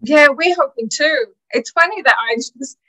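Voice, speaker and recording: A woman's voice: sits high, moderate pace, pushed and bright, no echo. A woman casually hosting an online business call in an effusive, chatty way that jumps between thoughts. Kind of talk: casual chat, informal hosting. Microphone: video call microphone. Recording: dull lo-fi call audio.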